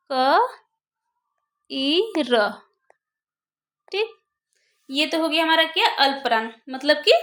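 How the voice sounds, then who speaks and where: A woman's voice: high voice, fairly bright tone. A woman teaching a grammar lesson for exam preparation, who asks questions and answers them herself.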